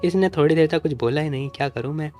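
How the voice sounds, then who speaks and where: A man reading the lines of a sly, scheming young woman in a low, hushed voice. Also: quick pace, soft background music, lightly acted.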